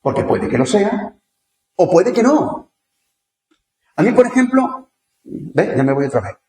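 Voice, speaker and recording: A man's voice: sits high, very animated, unhurried, darkish tone, roomy sound. A man from Andalusia with an Andalusian accent giving a conference lecture, talking conversationally and firing rhetorical questions at the audience. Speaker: conference speaker. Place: lecture hall.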